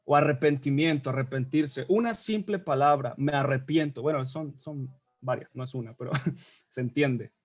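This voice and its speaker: A man's voice: medium pitch, moderate pace. A man teaching a Bible study class in a conversational way, often checking in with his listeners. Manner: conversational, checks in with frequent tag questions.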